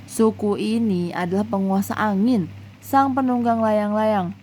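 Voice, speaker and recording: A woman's voice: mid-range voice, a little slow, warm tone, slight background noise, close to an everyday voice. Woman doing a stern chief father, insistent, storybook.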